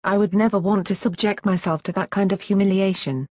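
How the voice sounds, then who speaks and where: A woman's voice: medium pitch, fairly even intonation, fairly quick, darkish tone, dry recording, natural voice. Synthetic woman as a wary, curious questioner. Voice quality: synthetic, stilted. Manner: earnest, questioning.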